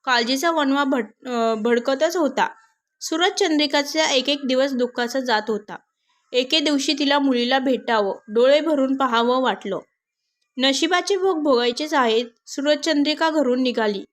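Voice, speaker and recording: A woman narrating a devotional folk story in a measured, plain storytelling manner. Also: high voice.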